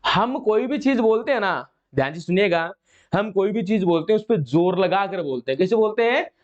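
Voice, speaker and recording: A man's voice: sits high, animated, moderate pace, dull audio. A man from India teaching English grammar to a class, explaining step by step and repeating his own questions before answering them.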